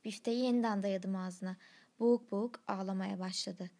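A woman's voice: mid-range voice, steady tone, moderate pace, darkish tone. A woman reading a first-person story aloud, in blunt, slang-laden narration.

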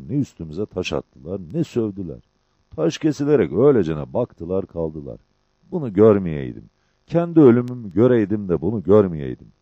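A man's voice: on the low side, no room sound. A man voicing a bitter, grieving young male outlaw who speaks earnestly, in a dull lo-fi recording. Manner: earnest, lamenting.

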